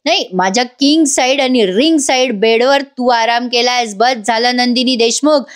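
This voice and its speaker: A woman's voice: fairly high pitch, moderate pace, lightly acted. A woman voicing a grumbling young husband in a retold soap scene, complaining and repeating words in mock outrage. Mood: indignant.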